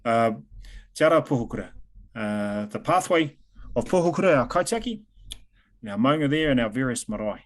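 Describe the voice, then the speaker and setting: A man's voice: mid-range voice, big pitch swings, a little fast, long pauses. A man with a New Zealand accent hosting an informal presentation on a video call in a chatty manner. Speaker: host and presenter. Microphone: video call microphone.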